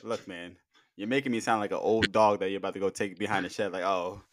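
A man's voice: deep voice, steady tone, quick pace, over a noisy crowd. A man in his thirties co-hosting a casual sports podcast, laid-back and slangy, often trailing off. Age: 30s. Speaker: podcast co-host.

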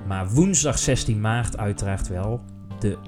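A man hosting a local podcast in casual chat, quick with teasing remarks. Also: lowish voice, animated, music in the background. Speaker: podcast host.

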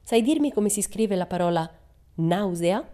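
A woman's voice: medium pitch, expressive, unhurried, warm tone, pitched above the performer's own voice, close to an everyday voice. A woman acting a prim, severe schoolmistress, raised voice, storybook reading. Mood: stern. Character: stern, strict, cold schoolmistress woman.

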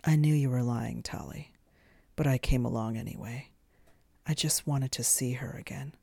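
A storyteller voicing a grieving woman who murmurs in a low, hushed way. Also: normal speed, creaky, dry recording, clean studio sound, exaggerated voice. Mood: anguished. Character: sorrowful sister with obsidian eyes.

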